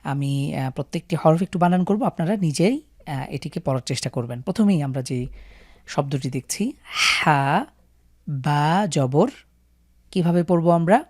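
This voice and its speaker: A man teaching Quran reading to learners, spelling out letters slowly and repeating each sound louder. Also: a little high, expressive, no echo, clean studio sound. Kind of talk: step-by-step recitation lesson.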